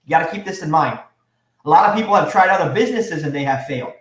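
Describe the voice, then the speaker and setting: A man teaching a live real estate seminar, energetic and quizzing his audience with questions. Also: a little high, quick pace. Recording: echoey room, dull lo-fi sound.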